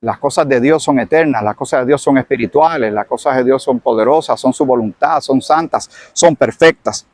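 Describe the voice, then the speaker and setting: A man's voice: medium pitch, normal speed, few pauses, a little mellow, no room sound. A man teaching from the Bible in a sermon style, retelling the scene dramatically and acting it out. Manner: dramatic storyteller who acts out the scene.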